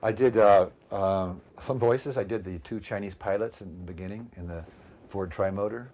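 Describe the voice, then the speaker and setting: A man's voice: fairly low pitch, normal speed, darkish tone, a little hiss or hum. A man telling anecdotes in a casual interview, meandering with lots of ums and restarts.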